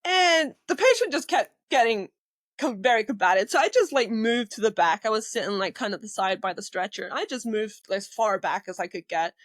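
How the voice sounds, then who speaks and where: A woman working as an EMT, telling stories as a podcast guest in a lively way, acting out what people said and laughing often. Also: on the high side, a little fast, no room sound. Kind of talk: casual storytelling in a podcast interview.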